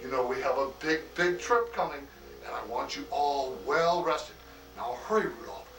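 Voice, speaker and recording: A man's voice: medium pitch, animated, fairly bright tone, roomy sound, far from the mic, slight background noise, natural voice, low-quality recording. A man playing a chuckling, jolly Santa Claus. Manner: chuckling often, slow homely delivery with many "oh" and "why". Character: jolly old Santa Claus, hearty and fatherly. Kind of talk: acted monologue for a personalized greeting video.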